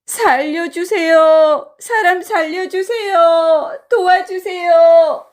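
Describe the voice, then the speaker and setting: A woman's voice: very high voice, drawn-out words, voice pushed up, full character voice. A woman voicing a frightened young boy who pleads and cries out for help. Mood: pleading. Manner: pleading, tearful, crying out.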